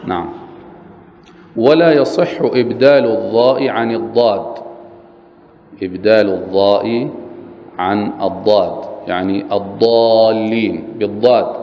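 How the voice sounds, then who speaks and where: A low-pitched man gives a lesson in a plain, steady way, restating each point and rattling off short recitations as examples. His voice rings with a long reverb, as if in a large hall. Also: dull audio. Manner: repeats key terms and demonstrates recitation quickly; plain, steady explanatory delivery with frequent clarifications. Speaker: religious teacher. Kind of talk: explaining prayer rules in a lesson.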